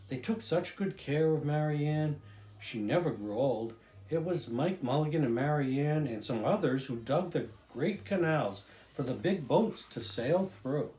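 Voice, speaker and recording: Reading a storybook aloud, an older grandfatherly man speaks softly and mellowly at a moderate pace. His expressive pitch swings up and down and he lingers on important phrases, with clear room echo around him.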